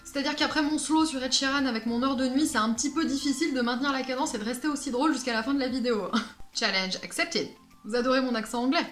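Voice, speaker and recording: A woman's voice: high voice, steady tone, racing, hardly any pauses. Chatty, playful woman perfume vlogger. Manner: playful, self-mocking, chatty with fillers. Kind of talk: casual vlog chat. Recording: echoey room with faint music.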